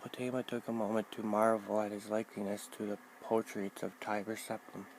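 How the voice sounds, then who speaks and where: A man reading a fantasy book aloud in a measured, steady narration. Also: fairly low pitch, slight background noise, rough recording. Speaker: reader. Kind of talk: audiobook narration.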